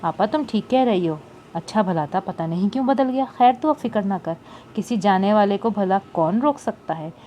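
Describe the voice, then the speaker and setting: A woman's voice: medium pitch, expressive, normal speed, dark tone, a little hiss or hum, natural voice. A woman voicing a loyal, blunt-talking companion who consoles her friend in an audiobook. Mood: consoling.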